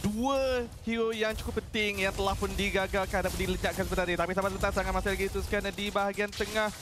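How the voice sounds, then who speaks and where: A man's voice: high voice, steady tone, quick pace. A man with a Malaysian accent giving live esports commentary and analysis. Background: music.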